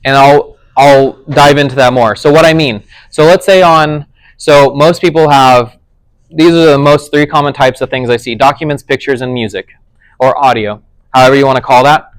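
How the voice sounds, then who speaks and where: A man's voice: mid-range voice, fairly even intonation, moderate pace, clean tone, dry recording, rough recording. A man teaching a casual tech class, explaining things conversationally and often checking whether his listeners follow. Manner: conversational, checks understanding with frequent "does that make sense".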